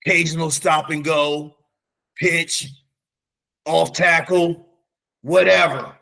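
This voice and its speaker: Man, sports podcast co-host, bright and fairly high voice, animated, slangy, stat-heavy banter. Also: slow pace, creaky. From United States. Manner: animated, slangy, rattles off stats. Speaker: teacher. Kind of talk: casual sports chat.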